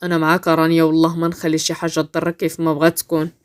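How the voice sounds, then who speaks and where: A woman with a Moroccan accent voicing an angry, forceful young man in a told story. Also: low-pitched, racing, smooth, voice pushed down, natural voice. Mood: insistent. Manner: shouting in anger, then steady and insistent. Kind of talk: storytelling voice-acting.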